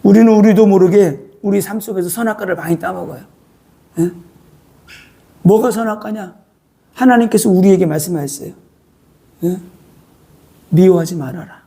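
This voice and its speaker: A pastor preaching a sermon with emphasis, constantly prompting the congregation with quick "huh?" tag questions. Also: medium pitch, vocal fry, dark tone, breathy edge.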